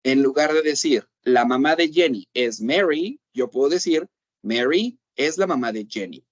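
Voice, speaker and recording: A man's voice: mid-range voice, animated, dry recording, highs cut off. A man teaching an English class, explaining patiently and checking often that his students follow. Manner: patient, repeats "¿ok?" to check understanding; slows down to say English examples. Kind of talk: online class explanation in Spanish.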